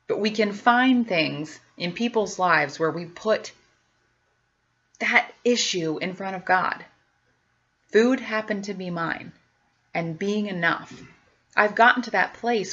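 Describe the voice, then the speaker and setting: A woman giving a personal faith testimony about addiction, animated and chatty, acting out other people's voices and laughing as she goes. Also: mid-range voice. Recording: slightly dull lo-fi recording.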